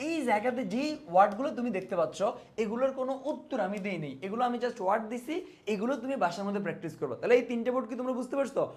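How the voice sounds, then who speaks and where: A young man teaching a casual exam-prep lesson, chatty, speaking straight to his students and mixing in English words. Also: very high voice.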